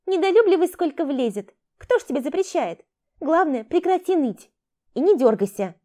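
A woman's voice: high voice, big pitch swings, normal speed, pitched above the performer's own voice. A woman voicing a brash, impatient young female thief who talks in a bossy, snappish way. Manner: bossy, snappish, sharp-tongued. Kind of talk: audiobook character voice.

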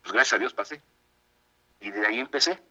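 A middle-aged man with a Mexican accent, a voice actor telling lively stories as a radio interview guest and acting out what others said. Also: medium pitch, fairly quick. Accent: Mexican Spanish. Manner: animated, acts out quoted voices.

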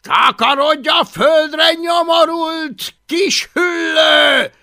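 A man's voice: very high-pitched, pushed and bright, shouting, pitched above the performer's own voice, heavily acted. A man voicing a big, bearded Viking chief who bellows orders in an audiobook. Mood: bellowing. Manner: bellowing, bossy.

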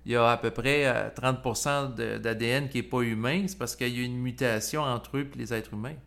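A man, leading a casual discussion in a measured, hesitant way with frequent pauses. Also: mid-range voice, fairly even intonation, creaky, fairly bright tone. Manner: measured, hesitant, restarts with "euh".

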